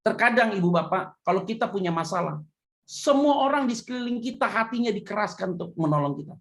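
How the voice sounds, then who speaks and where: A woman pastor, preaching a sermon that swings from hushed to loud emphasis. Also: mid-range voice, animated, fast talker.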